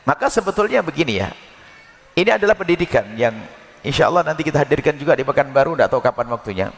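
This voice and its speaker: A man preaching a sermon, lively and expressive, sometimes acting out quoted couples. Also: quick pace, creaky. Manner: animated, jumps between high and low pitch for emphasis, acts out quoted couples. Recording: long hall reverb.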